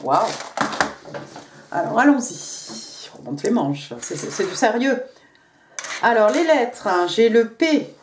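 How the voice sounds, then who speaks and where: A woman's voice: on the high side, sing-song, slow pace, pauses often, roomy sound, slight background noise. A woman with an English accent giving a casual tarot reading in French, chatty with frequent hesitations and restarts. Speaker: tarot card reader.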